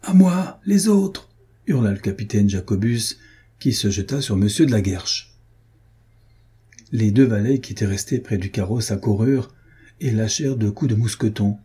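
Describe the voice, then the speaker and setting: A man narrating an audiobook in a steady, measured reading. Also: lowish voice, breathy edge. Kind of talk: scripted narration of a historical novel.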